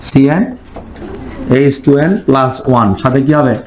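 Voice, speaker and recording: A man's voice: mid-range voice, moderate pace, slight background noise, low-quality recording. Male teacher quizzing his class. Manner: quizzing the class with repeated questions. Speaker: chemistry teacher. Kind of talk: classroom lecture.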